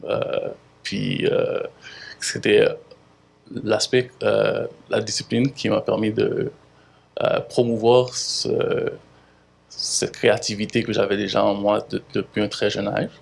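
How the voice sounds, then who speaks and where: A man in his thirties from Haiti with a Haitian French accent, an artist giving halting interview answers full of fillers and restarts. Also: on the low side, flat delivery. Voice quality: gravelly, husky. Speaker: visual artist.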